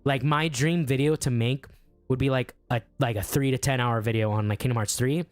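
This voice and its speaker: A young man chatting casually as a guest, excitable, swearing freely and laughing often. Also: medium pitch, brisk, clean tone, no room sound, faint music behind. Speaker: guest musician and streamer. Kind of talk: casual podcast chat.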